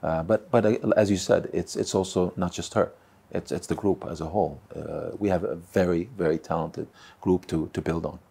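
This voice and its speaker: Deep gravelly husky guy, chairman answering interview questions, lots of uhs and repeats. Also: steady tone, warm tone. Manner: halting, repeats words, many fillers. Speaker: football club chairman. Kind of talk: sit-down interview. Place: indoor room by a window. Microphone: close mic, seated on camera.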